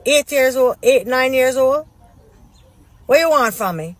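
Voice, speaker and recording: A woman's voice: high voice, no echo. A woman from Jamaica with a Jamaican accent, delivering a heated, swearing rant.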